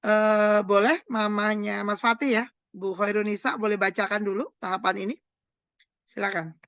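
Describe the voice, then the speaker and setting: A woman doctor giving an online parenting seminar, lively and often acting out what parents say to children. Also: mid-range voice, moderate pace, no room sound.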